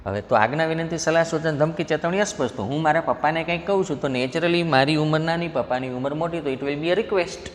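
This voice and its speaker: A man with a Gujarati accent teaching English grammar, explaining each step patiently, reading example sentences slowly and asking the class questions. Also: a little high. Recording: faint noise, long hall reverb.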